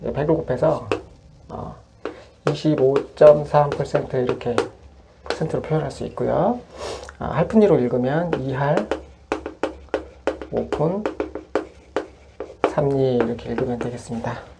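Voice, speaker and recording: A woman's voice: extremely low pitch, a little slow, long pauses, very noisy. A woman math tutor patiently walking through worked exercises step by step. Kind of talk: worked-example lesson.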